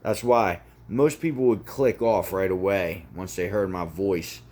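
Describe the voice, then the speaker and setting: A man with a low, deep and firm voice talks straight to his viewers about positive thinking. He hammers his points home through repetition and drops casual swearing along the way. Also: a little slow, darkish tone. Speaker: motivational vlogger. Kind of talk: casual motivational talk.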